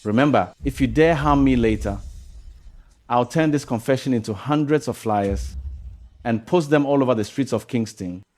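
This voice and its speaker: An actor playing a shrewd young male captain, calm and calculating, in a dubbed drama. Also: mid-range voice, normal speed, natural voice. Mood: threatening.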